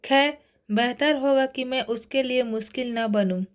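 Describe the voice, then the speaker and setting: A woman voicing a young heroine who was once a kickboxing champion, speaking softly and plaintively, slow and high. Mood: brisk. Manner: soft, plaintive, sniffling.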